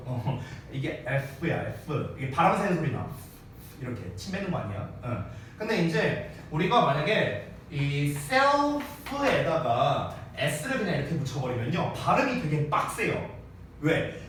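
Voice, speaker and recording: Lively, joking male grammar teacher in an echoey classroom. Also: a little high, recorded from a distance, slight background noise. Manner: casual, joking, switches between polite and informal speech. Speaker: English teacher. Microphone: wearing a mask, mic some distance away. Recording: very echoey room, voice off-mic with faint ambience.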